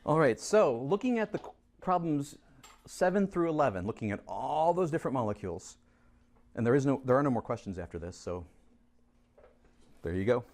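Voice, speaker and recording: A man teaches a chemistry class, going over review problems in a lively way while teasing and coaxing students to answer. His voice is medium-pitched and brisk, with long pauses.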